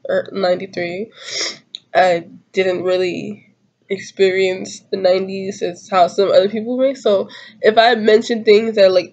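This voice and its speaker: A woman in her 20s, a YouTuber filming a tag video in a small room at home, chats casually to camera, giggly and rambling in slangy talk, slightly congested from a cold. Her mid-range voice has a darkish tone, and the recording's highs are cut off.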